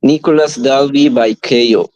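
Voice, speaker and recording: A man from Ecuador calling in to a betting show, earnest and halting. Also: medium pitch, a little mellow, muffled recording. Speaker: caller. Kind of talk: casual chat.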